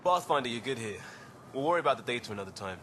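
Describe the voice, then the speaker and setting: An actor voices an earnest young male crisis-response crewman in a video game, speaking informally and candidly with an apologetic, slightly sheepish air. His medium-pitched voice is animated, rapid-fire and sharp, with a little hiss or hum.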